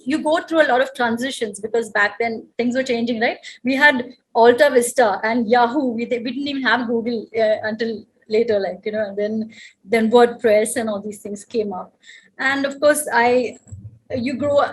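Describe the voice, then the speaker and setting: A woman's voice: fairly high pitch, a little hiss or hum, poor audio. A middle-aged woman from India, talking as a guest on a video call in a chatty way, with many fillers and restarts. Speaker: guest speaker.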